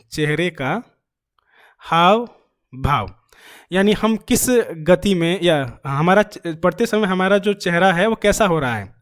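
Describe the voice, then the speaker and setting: A man teaching an exam-prep lesson, explaining by asking and answering his own questions, repeating key phrases, with pauses and fillers. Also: sits high. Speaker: Hindi teaching-methods teacher.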